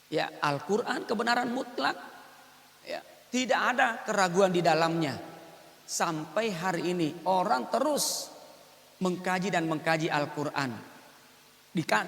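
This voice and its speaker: Bright-voiced preacher man in echoing hall. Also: sits high, creaky. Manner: chatty, jokes and quizzes the audience. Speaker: Islamic preacher. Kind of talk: Quran study lecture. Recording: long hall reverb.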